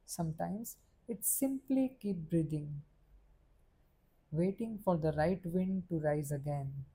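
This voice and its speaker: A woman narrating a guided meditation in a soft, gentle, unhurried way. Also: fairly low pitch, husky.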